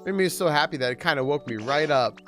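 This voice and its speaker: A man's voice: a little high, quick pace, soft background music. A man streaming a video game live, chatting with viewers and cheering at what happens on screen. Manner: excitable, chats with viewers, talks to characters. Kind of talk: casual live game commentary.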